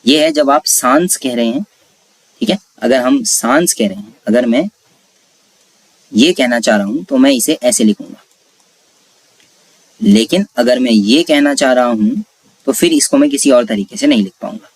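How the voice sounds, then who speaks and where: A man's voice: medium pitch, animated, moderate pace, pauses often, no echo. Man teaching Hindi grammar, dry sound. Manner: explains step by step, asks and answers his own questions. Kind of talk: exam-prep classroom lesson.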